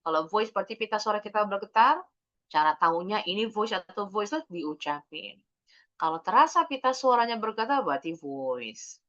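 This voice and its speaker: Lively Indonesian woman teaching English. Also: medium pitch, moderate pace, lo-fi sound. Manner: explains patiently, mixes English words into her talk. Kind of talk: online class teaching.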